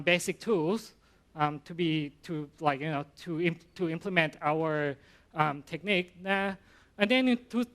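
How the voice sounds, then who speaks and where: A high, fairly bright voice belongs to a middle-aged Thai professor. At a conference, he talks informally in English with a Thai accent, his speech halting and riddled with fillers and restarts.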